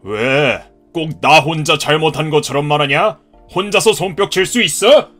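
A man voicing a gruff, hot-tempered ex-marine father in his fifties who scolds and shouts in a cartoon story. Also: fairly high pitch, normal speed, soft background music, pitched below the performer's own voice. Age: 50s.

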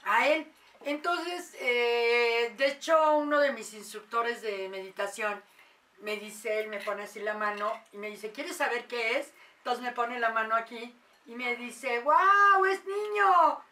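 A woman, a mother telling a paranormal story in casual, animated talk. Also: fairly high pitch, measured pace, distant mic. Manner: animated, acts out quoted voices.

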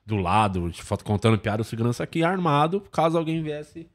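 A man's voice: on the high side, lively intonation, fast talker. A man with a Brazilian accent chatting casually on a podcast, dropping wry, teasing remarks. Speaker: comedian.

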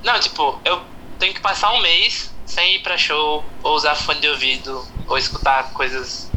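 Bright, sharp-voiced Brazilian Northeastern man. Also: a little high, fairly even intonation, moderate pace, low-quality recording. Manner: slangy, repeats and restarts phrases often. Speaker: musical performer being chatted with. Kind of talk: casual chat. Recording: faint background noise.

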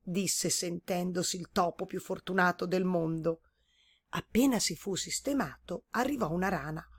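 A woman storyteller reading a children's story aloud in a gentle, measured way. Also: lowish voice, husky.

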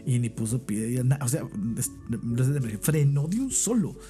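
Male podcast guest, animated storyteller with a mellow, lively voice. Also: mid-range voice, normal speed, soft background music. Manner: animated, laughs while telling stories. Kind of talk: casual storytelling.

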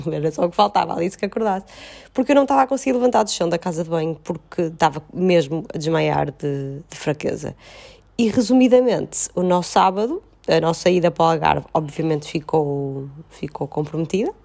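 A woman with a European Portuguese accent, telling her side of a story in casual chat, insistent and expressive. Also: low voice, brisk, gravelly.

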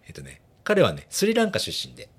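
A man's voice: on the low side, fast, breathy edge. A man hosting a casual bilingual chat show, talking animatedly and laughing often. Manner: animated, laughing, switches between Japanese and bits of English. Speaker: host.

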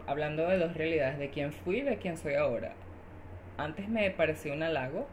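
On a casual podcast, a low-voiced woman guest talks emphatically, frequently agreeing with the host and stacking repeated phrases. A little hiss or hum runs through the audio.

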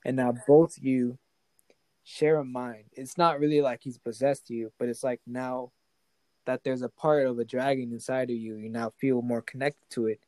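A man's voice: medium pitch, little pitch movement, moderate pace, mellow, no echo. A man improvising a fantasy story as game master. He talks casually and keeps checking in with the player.

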